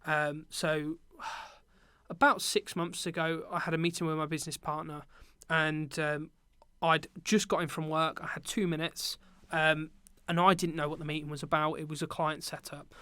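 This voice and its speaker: Young british guy chatting on a podcast, crisp clear voice, lots of ums. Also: a little high, normal speed, no room sound. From Britain. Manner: relaxed storytelling with many ums. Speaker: podcast guest, teacher and business owner. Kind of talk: casual podcast chat.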